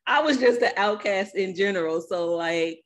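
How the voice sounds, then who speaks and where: A woman's voice: medium pitch, normal speed. Outgoing woman with a country Arkansas accent. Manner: outgoing, talkative. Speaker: host. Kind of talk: casual discussion and storytelling.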